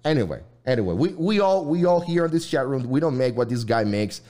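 A man co-hosting a casual live chat show, talking in a rambling, halting way with many restarts and fillers. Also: medium pitch, animated, a little mellow. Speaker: livestream co-host.

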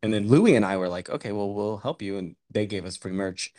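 A man's voice: on the low side, a little fast, a little mellow, dry recording, clean studio sound. A man hosting a casual podcast, rambling with many fillers like "like" and "um," on a condenser mic in a room at home. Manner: rambling, heavy use of "like" and "um". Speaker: podcast host. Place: room in a house. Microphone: condenser microphone.

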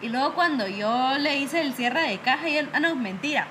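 A young woman, casually telling animated stories about bad bosses and peppering them with "¿verdad?". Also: sits high, moderate pace, background noise. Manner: animated storytelling, acts out her bosses' scolding; frequent fillers like "¿verdad?" and "va". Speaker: guest telling work stories. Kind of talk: casual chat.

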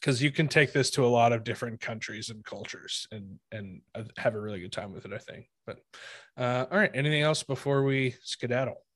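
A man's voice: medium pitch, fairly quick, fairly bright tone, dry recording. A man hosting a movie podcast, chatting casually and loosely with many fillers. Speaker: podcast host. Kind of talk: casual chat.

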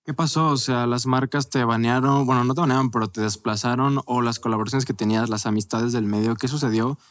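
Very low-voiced woman host. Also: fairly quick. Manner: relaxed, slangy, asks short follow-up questions. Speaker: podcast host. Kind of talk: casual interview.

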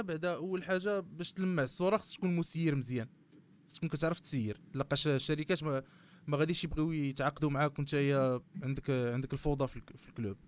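A man's voice: a little high, slight background noise. A man with a Moroccan accent giving analysis in a panel discussion, often dropping French terms into his speech. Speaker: guest commentator on football club marketing.

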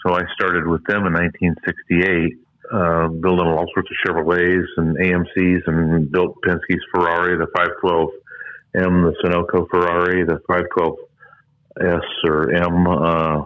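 A man's voice: low voice, little pitch movement, moderate pace. An older man in his seventies, a retired engine builder, recalls his career over a bad phone connection that sounds glitchy and muffled. He rambles with many fillers and trailing asides. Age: 70s. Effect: muffled glitchy phone line from a bad connection. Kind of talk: phone interview recollection. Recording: dull lo-fi phone call audio.

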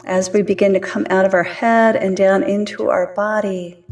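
A woman gently and soothingly guiding a calm, grounding meditation exercise as a host, in an unhurried way. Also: medium pitch, far from the mic, soft background music. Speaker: host of a wellness podcast.

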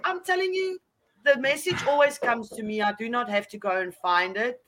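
A woman's voice: on the high side, moderate pace, background noise. A woman co-hosting a casual live show, sharing an inspirational message with enthusiasm. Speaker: co-host. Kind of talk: casual live-stream chat.

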